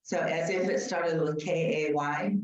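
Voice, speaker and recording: Woman, low voice, chatty meeting remarks, roomy distant dull recording. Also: steady tone, unhurried. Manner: chatty, informative, with many fillers. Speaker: community group member. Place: meeting room.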